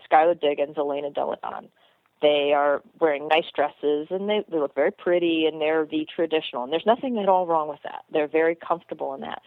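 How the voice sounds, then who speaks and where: A woman with a low-pitched voice co-hosts a radio show, chatting casually but earnestly about basketball as a commentator, restarting and repeating words a lot. Her audio is a dry, tinny phone line.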